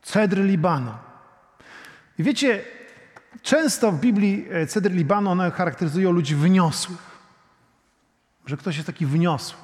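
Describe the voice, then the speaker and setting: High-voiced preacher in a reverberant hall. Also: male voice, lively intonation, moderate pace, long pauses. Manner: swings between soft, intimate prayer and loud, emphatic preaching; addresses the congregation directly, often saying "you know". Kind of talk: sermon.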